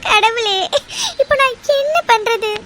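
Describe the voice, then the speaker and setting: A woman's voice: very high voice, measured pace, pushed and bright, faint music behind, full character voice. A woman voicing a guilt-ridden young woman in a cartoon drama, anxious and close to tears. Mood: tearful. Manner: anxious, tearful. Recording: noisy recording with clicks.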